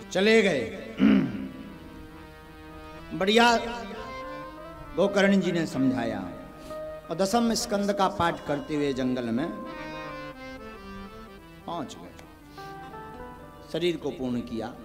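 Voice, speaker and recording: A man's voice: sits high, lively intonation, slow pace, long pauses. A male preacher with a north Indian Hindi accent, telling a scripture story in a sing-song way, acting out dialogue and putting questions to the crowd. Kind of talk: devotional sermon with storytelling. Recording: live sermon with instrument music behind. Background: musical instrument accompaniment.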